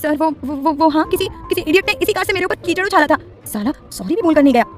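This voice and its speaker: In an audio story with faint music underneath, a woman plays a hot-headed young college girl who is flustered, brash, slangy, and dramatic. The voice sits high with a fairly bright tone, and the words tumble out fast and animated.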